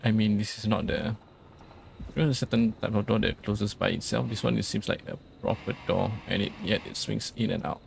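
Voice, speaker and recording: Slight background noise accompanies this gaming host, whose creaky, low-leaning voice stays fairly even and fairly quick. In casual let's play commentary, he murmurs through his thoughts and reads the on-screen instructions aloud.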